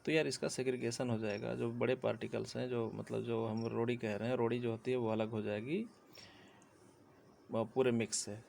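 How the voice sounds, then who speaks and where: A man's voice: mid-range voice, flat delivery, moderate pace, gravelly, a little mellow, a little hiss or hum. A man with a sore throat giving a chatty civil engineering lecture, often checking in with his listeners. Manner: chatty, repeats "theek hai" often. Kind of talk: casual Hindi classroom lecture.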